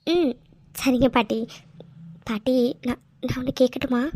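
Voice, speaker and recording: A woman voicing a timid young wife in an animated serial, hesitant and stammering, who keeps apologising. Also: high-pitched, normal speed, close to an everyday voice.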